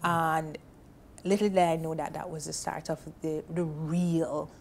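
Speaking a little slowly in a low, gravelly voice, a woman in her thirties with a Jamaican accent shares a personal story on a TV panel. She is earnest and emotional, with animated hand gestures. Her lapel mic in the indoor studio, where she sits on a sofa, picks up slight background noise.

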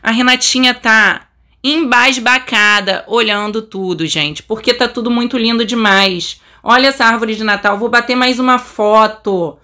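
Young Brazilian woman, Brazilian Portuguese accent, game host, thrilled and breathless, bright high voice. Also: unhurried. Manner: gushing, exclamatory, says she is trembling. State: excited. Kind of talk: excited gameplay commentary.

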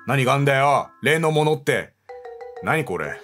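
A man talks through a horror game, joking at his own expense and thinking out loud. His voice swoops up and down a lot. Faint music plays behind him. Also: mid-range voice, sing-song, normal speed. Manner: joking, self-mocking, thinking aloud. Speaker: game streamer. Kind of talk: let's play commentary.

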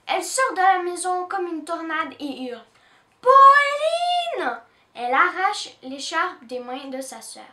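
A woman from Canada reading a children's storybook aloud in an expressive way, recorded with a roomy echo from a distant mic. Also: very high-pitched, normal speed, hardly any pauses. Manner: expressive, with small restarts. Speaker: children's book reader.

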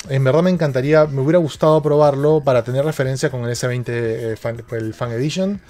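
A man's voice: on the high side, warm tone. A man, a tech streamer chatting casually on a live stream and joking as he reads out viewer questions.

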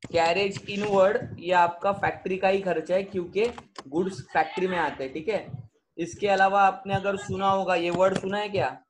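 High-voiced man teaching accounts online. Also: steady tone, normal speed, background noise. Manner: switches between Hindi, Marathi and English, questions students often. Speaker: commerce teacher.

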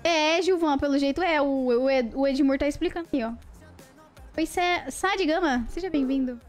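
Woman, high voice, young adult, playful live streamer, casual chat, soft background music. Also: normal speed. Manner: chatty, playful, greets viewers by name. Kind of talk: casual livestream chat with viewers.

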